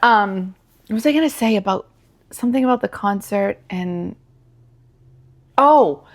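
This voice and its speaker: A woman's voice: mid-range voice, animated, unhurried. A middle-aged woman co-hosts a casual music podcast from a living room. She teases her co-host and breaks into laughter often. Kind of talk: casual chat.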